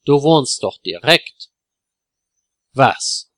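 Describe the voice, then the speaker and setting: A man's voice: mid-range voice, lively intonation, extremely slow, a bit bright, no echo, clean studio sound. A man voicing an older father in a spoken story, lecturing his grown son indignantly. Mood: angry.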